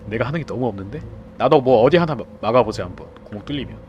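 Excitable young man streaming a horror game. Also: mid-range voice, fast talker, lo-fi sound, slight background noise. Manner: excitable, yelps and shouts when startled. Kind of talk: live gameplay commentary.

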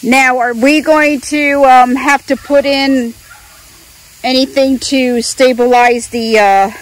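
A woman's voice: sits high, fairly even intonation, slow pace, low-quality recording. A woman chatting and asking questions while she films a homestead yard on her phone. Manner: chatty, asks lots of questions. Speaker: vlogger filming the homestead. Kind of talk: casual chat while filming. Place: outdoors in a grassy homestead yard. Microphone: phone camera held by the speaker.

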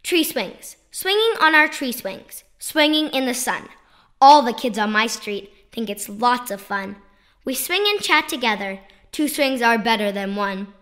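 Reading her own children's poems, a woman uses a notably high voice with a bright, forward quality, speaking a little slowly with lively intonation. She sounds playful and sing-song, leaning on key words as if reading a storybook aloud.

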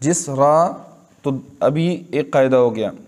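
A man with a Pakistani Urdu accent teaching Quran recitation rules in a slow lesson, patiently repeating example words and asking and answering his own questions. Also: mid-range voice, a little mellow.

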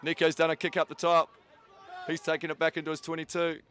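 A man giving steady play-by-play rugby commentary. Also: on the high side, fast talker, some chatter behind. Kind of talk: live sports commentary.

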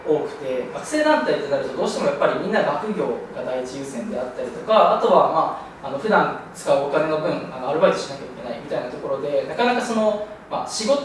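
A man's voice: fairly high pitch, big pitch swings, fast talker, hardly any pauses, a little hiss or hum. A young man answering interview questions politely, with frequent hesitant fillers. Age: young adult. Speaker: job applicant in mock interview. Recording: echoey room, distant mic.

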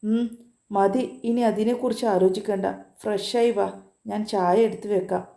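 A woman's voice: mid-range voice, fairly even intonation, normal speed, gravelly, mellow, lightly acted. A woman voicing a caring middle-aged mother who fusses anxiously over her daughter. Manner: fussing, anxious. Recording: roomy echo.

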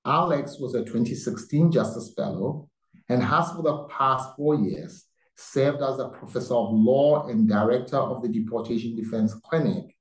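Older man, moderator; formal introductions over webcam, noticeable room echo. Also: mid-range voice. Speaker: webinar moderator. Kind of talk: moderating a webinar. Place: indoor room on a video call. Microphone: video call webcam. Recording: roomy video call audio.

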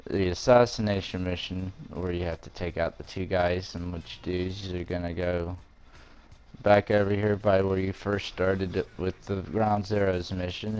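A man with a low, darkish voice talks through a video game walkthrough. He keeps it casual and informal, going step by step.

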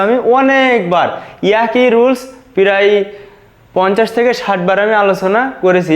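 A man from Bangladesh teaching an exam-prep pronunciation lesson, spelling words out slowly syllable by syllable and often saying "look". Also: high voice. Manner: slow, syllable-by-syllable spelling out, repeats "dekho".

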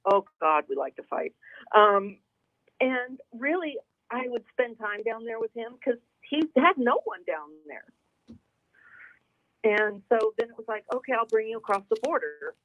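A middle-aged woman from the San Diego area, calling in to a radio show and telling a story in a lively, chatty way. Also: measured pace, no room sound. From San Diego area, California. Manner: lively, chatty, quotes people with big pitch jumps. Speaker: guest caller. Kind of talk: casual storytelling on a radio call-in. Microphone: telephone. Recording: tinny phone line, dry.

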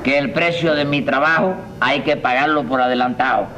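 An actor playing a brash, sly swindler posing as a spiritist in an old radio comedy, insistent and repeating himself. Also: male voice, mid-range voice, fairly even intonation, moderate pace, over music, natural voice. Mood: insistent, haggling. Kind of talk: old Spanish-language radio comedy acting. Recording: muffled, very noisy old radio recording.

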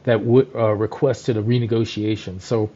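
A man's voice: on the low side, little pitch movement, moderate pace, dark tone, a little hiss or hum. Rambling, enthusiastic male co-host, dull sound. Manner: rambling, enthusiastic, lots of fillers. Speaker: podcast co-host, journalist. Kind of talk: casual chat.

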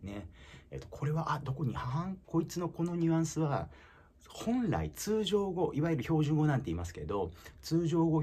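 A man's voice: mid-range voice, a little mellow, slightly rough. A man hosting his own fan channel, talking in a rambling, mock-serious analytical way that sometimes drops to a whisper. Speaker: idol fan channel host. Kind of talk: casual vlog monologue.

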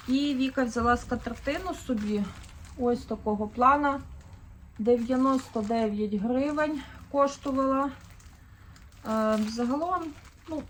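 A woman's voice: sits high, slight background noise. A woman in her thirties from Ukraine, chatting casually through a shopping haul as a vlogger, thinking aloud with fillers. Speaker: vlogger, mother of four.

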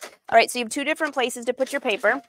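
A middle-aged woman with a high, slightly bright voice hosts a live sewing lesson in an indoor sewing studio. She talks quickly and informally, keeping the craft demonstration casual and often tossing questions to her viewers.

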